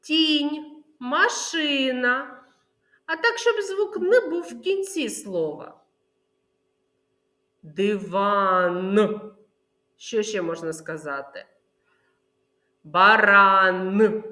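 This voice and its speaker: A woman preschool teacher leading a literacy lesson for young children, sounding out words slowly and clearly and prompting the class to repeat after her. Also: medium pitch, big pitch swings, pushed and bright. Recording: roomy echoey room.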